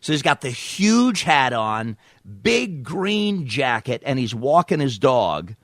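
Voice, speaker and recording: Speaking slowly at a medium pitch, a middle-aged podcast host recounts stories in a relaxed chat and animatedly voices the people he quotes. The sound is clean studio quality with no echo.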